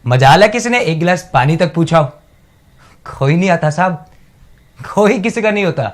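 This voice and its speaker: A man acts out an orphaned village man recalling his lost childhood to his master. He sounds wistful and pleading, with a fairly high voice. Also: lively intonation, normal speed. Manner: wistful and pleading, keeps addressing "sahib". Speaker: actor in a monologue contest. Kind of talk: stage monologue.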